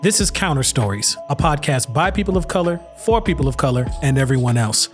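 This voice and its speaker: A man hosting a podcast, speaking in a halting way with many restarts. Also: mid-range voice, sing-song, faint music behind. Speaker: podcast host. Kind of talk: casual podcast conversation.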